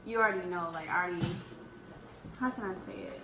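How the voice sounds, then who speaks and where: A woman guesting on a casual eating chat, easygoing and pausing to find her words. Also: lowish voice. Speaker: guest friend. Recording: echoey room with background noise.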